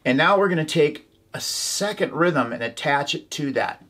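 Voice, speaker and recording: A man with an animated, fairly bright voice on the high side teaches ukulele at a normal speed. In this instructional tutorial, he chants rhythm syllables and calls out chords and strums as a ukulele plays behind him.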